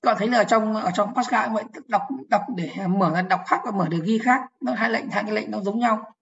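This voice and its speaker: A woman's voice: medium pitch, brisk, muffled recording. A woman teaching programming in an online lecture, explaining step by step, repeating key phrases and asking if the class follows.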